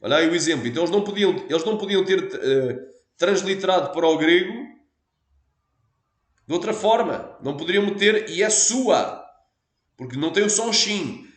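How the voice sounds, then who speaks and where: A man's voice: high-pitched, lively intonation, normal speed, reverberant. A man with a European Portuguese accent, a pastor explaining a point patiently in a teaching sermon and asking his listeners for assent.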